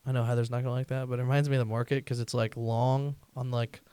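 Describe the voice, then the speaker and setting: A man hosting a comedy podcast, chatting loosely with lots of fillers and a quick laugh. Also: mid-range voice, little pitch movement, dark tone, smooth, no room sound. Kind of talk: casual chat.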